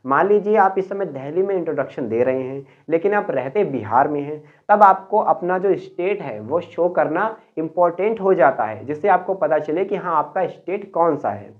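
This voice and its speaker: A man from Uttar Pradesh, India, giving a spoken English lesson. He explains step by step and slows down to model each phrase. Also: a little high, lively intonation. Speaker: English teacher. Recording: tinny phone-like sound.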